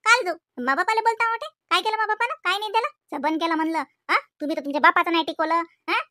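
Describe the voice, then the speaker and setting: A woman's voice: very high voice, steady tone, fast talker, sharp tone, dry recording. A woman voicing a scolding middle-aged village mother in a cartoon comedy, speaking with a Vidarbha Marathi accent and nagging with repeated "हा?" tags. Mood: indignant.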